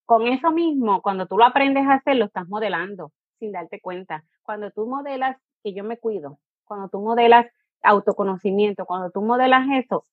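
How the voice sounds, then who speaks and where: A woman's voice: mid-range voice, fairly quick, no echo, narrow, tinny audio. A woman, an educator and coach, answering interview questions and explaining patiently, now and then acting out what a parent or a child says. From Puerto Rico. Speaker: positive discipline educator and coach.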